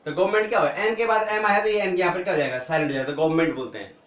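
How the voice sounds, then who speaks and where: A man teaching English pronunciation, asking questions and answering them himself, repeating each word slowly. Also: high-pitched, fairly bright tone. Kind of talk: classroom lesson. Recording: echoey room.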